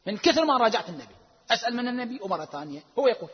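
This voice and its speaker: A husky, fairly high-pitched man delivers a religious lecture with heavy emphasis, drawing out his stresses and dropping from forceful to hushed. The recording is dull and lo-fi, with a long reverb trailing off the hall walls. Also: sing-song. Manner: emphatic, drawn-out stresses, swings between loud and hushed; rhetorical questions to the audience. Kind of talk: religious lecture citing sources.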